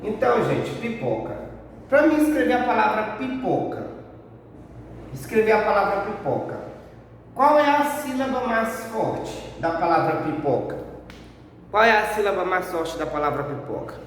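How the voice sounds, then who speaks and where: A high-voiced Brazilian male teacher leads a grammar review, drawing out each syllable of his example words slowly. He sounds set back from the mic, in a very echoey room with a long reverb tail. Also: very animated, recorded from a distance, slight background noise. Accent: Brazilian Portuguese. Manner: slow, drawn-out syllables for examples; asks and answers a pupil's question himself. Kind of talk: recorded grammar review lesson.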